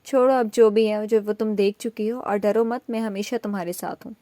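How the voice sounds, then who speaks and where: In a dry recording, a medium-pitched woman with a steady tone lightly acts a storybook part: a teasing, protective young man comforting a frightened girl. Her delivery shifts from mocking to soft-spoken tenderness.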